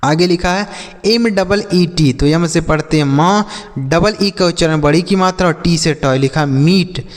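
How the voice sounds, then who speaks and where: Hindi-accented male teacher spelling words slowly. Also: fairly high pitch, big-room sound. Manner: spells letters slowly, then asks and answers his own questions. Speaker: English reading teacher. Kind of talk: spelling-out lesson for children.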